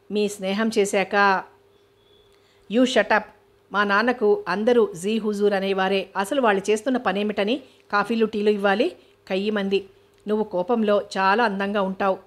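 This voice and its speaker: Woman reading a novel aloud, pretty monotone, steady audiobook style. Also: medium pitch. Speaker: novel reader.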